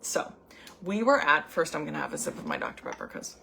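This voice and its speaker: Woman, lower-pitched, young adult, chatty storytelling, lots of fillers. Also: huge pitch swings, fairly quick, vocal fry, sharp tone, a little hiss or hum. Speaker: anxiety coach. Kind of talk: casual storytelling vlog.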